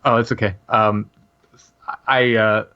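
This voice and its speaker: This man, a podcast guest in his late forties, shares a personal story in a casual, halting way, full of fillers and false starts. His voice is on the low side, level and smooth, heard through lo-fi sound.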